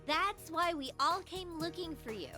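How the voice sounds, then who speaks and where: A straightforward teenage girl in a video game. The voice is very high and forceful, with music playing beneath. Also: expressive, measured pace, heavily acted. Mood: matter-of-fact.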